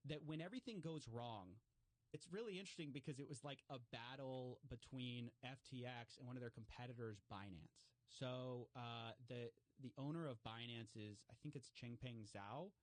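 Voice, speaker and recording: In a casual interview, a male guest discussing fraud stories speaks at normal speed in a mid-range voice, with loose phrasing, frequent "like" and "you know," and many restarts and fillers. He grows animated when quoting people, raising his pitch to act out their remarks. The sound is close and echo-free.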